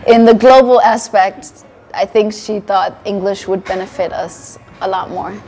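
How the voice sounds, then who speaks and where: A woman in her twenties from Sierra Leone, raised in Denmark, answering interview questions in a thoughtful, steady way with frequent ums, recorded in a cafe. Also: medium pitch, a little slow, slight background noise. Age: 20s. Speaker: interview guest, wellness coach. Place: indoor cafe.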